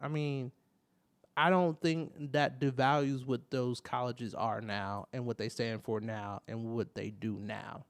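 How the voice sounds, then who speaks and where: A man co-hosting a podcast, talking things through in a measured way with pauses and self-corrections. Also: medium pitch, fairly even intonation, clean tone. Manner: measured, thinks aloud with fillers and restarts. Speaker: podcast co-host. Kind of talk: casual podcast discussion.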